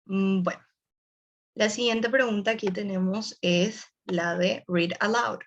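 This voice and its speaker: Young woman, casual webinar talk, vocal fry, muffled call audio. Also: medium pitch, steady tone, slow. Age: young adult. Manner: explanatory, casual, addresses the audience directly. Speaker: webinar presenter. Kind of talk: online webinar presentation.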